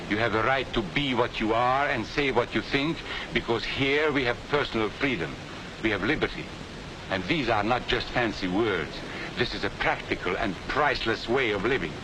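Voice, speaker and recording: An actor playing an earnest former professor from Hungary, lecturing in a measured way on an old, hissy film soundtrack. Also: male voice, medium pitch, natural voice. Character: calm, wise older male émigré professor. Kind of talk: 1940s film acting.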